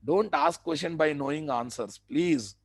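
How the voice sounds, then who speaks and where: A man's voice: a little high, unhurried, husky, no room sound, clean studio sound. A man with an Indian accent teaching a live technical class, repeating phrases and posing questions that he answers himself. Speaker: software training instructor.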